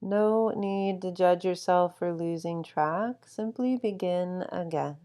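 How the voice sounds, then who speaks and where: A woman guiding a sleep meditation with calm, soothing instruction and long, unhurried pauses. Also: lowish voice. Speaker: meditation guide.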